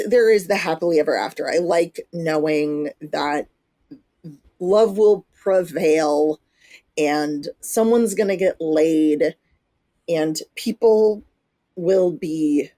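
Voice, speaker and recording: A woman in her thirties hosts a podcast in casual conversation, laughing often and swearing now and then. Her voice is fairly low and dark, and she speaks slowly with long pauses.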